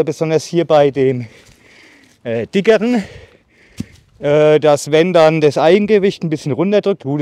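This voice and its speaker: This bushcraft channel host, a man in his thirties, is showing off a saw in a leafy meadow by the trees, talking chattily with many fillers and stopping now and then to saw. The effort leaves him a bit winded. His voice sits on the high side and is a little mellow, captured dry by a distant camera on a tripod.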